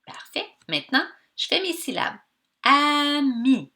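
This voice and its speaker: Lively Québécois teacher stretching out sounds. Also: female voice, mid-range voice. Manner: slow, stretched-out sounds of words for young learners; encouraging, addresses pupils directly. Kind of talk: children's reading lesson.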